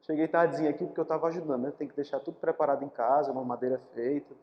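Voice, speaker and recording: A man's voice: fairly high pitch, fairly even intonation, racing. A Brazilian man giving a live public talk as a spiritist lecturer, explaining patiently and repeating key words for emphasis. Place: lecture hall. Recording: dull recording in a reverberant hall.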